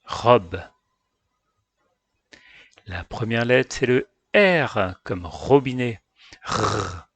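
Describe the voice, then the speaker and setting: Male teacher, patient phonics lesson, deliberate letter sounds, husky voice, dry close sound. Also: mid-range voice, no room sound. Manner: slow, carefully sounds out each letter; addresses parents directly, calm and patient. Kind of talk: phonics lesson for young children.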